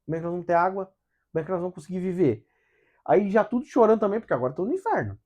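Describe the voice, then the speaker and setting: Lively husky man hosting a book study. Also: sits high, very fast, dull audio. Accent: Brazilian Portuguese. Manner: animated, acts out quotes in changing voices, rhetorical questions. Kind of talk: casual spiritual book study talk.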